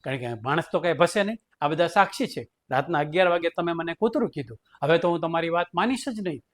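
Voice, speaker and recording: Man doing a stubborn, argumentative teacher, lecturing, slightly high voice. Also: lively intonation, fast talker, close to an everyday voice. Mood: indignant. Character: stubborn bearded male teacher, defiant and argumentative.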